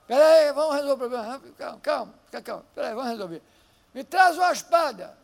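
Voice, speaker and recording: A calm, commanding wise old king, put on by a Brazilian preacher in a sermon retelling. The voice is very high and gravelly. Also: fast talker, long reverb tail, full character voice. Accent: Brazilian Portuguese.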